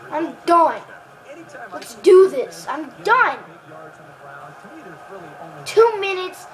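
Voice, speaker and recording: Woman, high-pitched, unhurried delivery, excitable gameplay commentary, chatty with viewers. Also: rough recording. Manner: excitable, cheers and groans at the game, chats to viewers. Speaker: gamer playing a football video game.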